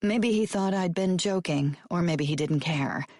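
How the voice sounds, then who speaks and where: A woman narrating a romance audiobook in the first person, with an expressive, lively delivery. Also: on the low side, unhurried, no room sound, clean studio sound.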